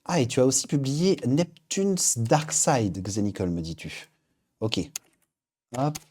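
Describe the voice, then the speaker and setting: A man chats casually as the host of a live stream. His voice is warm and mellow, and he keeps things relaxed and friendly, reading out viewer names and filling pauses with frequent hesitations. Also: medium pitch. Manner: chatty, reads viewer names aloud, frequent fillers. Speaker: livestream host. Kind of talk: casual livestream chat.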